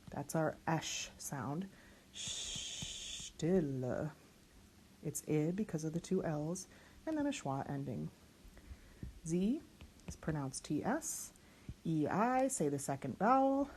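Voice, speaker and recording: A woman leads a diction lesson, working through letters and vowel sounds one at a time. She speaks very slowly, in a voice on the low side for a woman. A faint hiss of room noise sits behind her. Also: warm tone. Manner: slow, careful, spells out sounds and letters. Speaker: voice and diction teacher.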